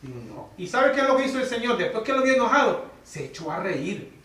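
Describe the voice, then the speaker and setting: A man's voice: very high-pitched, very animated, a little fast, bright, forceful tone. Chatty man telling a testimony, roomy hall. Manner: conversational storytelling, frequent "¿verdad?" tags. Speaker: church member sharing testimony. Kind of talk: personal testimony at Bible study. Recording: roomy church hall, distant mic.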